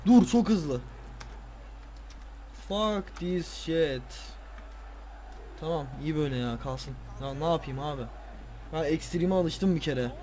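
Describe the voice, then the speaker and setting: A tired man playing a football video game, casually commenting, swearing and ranting at the players with excitable outbursts. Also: a little high, slow, pauses often, slight background noise. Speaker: gaming video creator.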